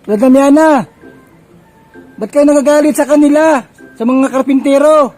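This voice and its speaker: A man's voice: very high-pitched, moderate pace, a little mellow, faint music behind, rough recording. A man filming a casual vlog, pleading and coaxing an upset elder with repeated questions. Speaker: relative filming and calming grandmother. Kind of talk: casual handheld vlog chat.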